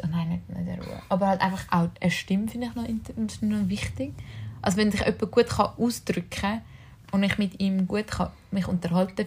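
A woman's voice: mid-range voice, darkish tone, husky. A young woman with a Swiss German accent in casual chat as a podcast co-host, thinking aloud with many filler words.

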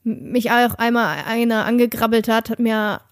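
A woman's voice: on the high side, fairly even intonation, moderate pace. A young woman chatting casually as a podcast host, telling a story with lots of restarts and fillers. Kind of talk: casual chat.

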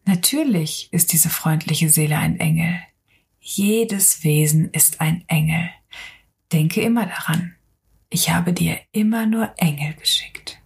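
A woman voicing God as a calm, all-loving presence in a whispered role-play, slow and husky. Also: on the low side, full character voice. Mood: reassuring.

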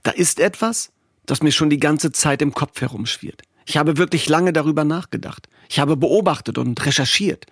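A man's voice: a little high, normal speed, fairly bright tone, husky, no echo, studio quality. A man reading a story voices an agitated young man who earnestly believes in conspiracies, speaking urgently and intensely. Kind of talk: audiobook reading.

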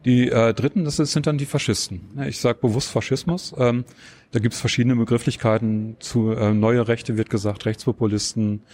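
A man answering interview questions, explaining at length and pausing often with fillers and tag questions. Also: medium pitch, fairly even intonation, darkish tone, slight background noise. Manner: hesitant, many filler sounds and tag questions. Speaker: interview guest.

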